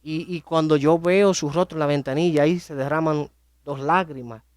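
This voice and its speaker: A man's voice: fairly high pitch, steady tone, moderate pace, darkish tone, dry recording, studio quality. A young man giving a personal faith testimony, telling his story emotionally with many repetitions and restarts. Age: young adult. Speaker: testimony speaker.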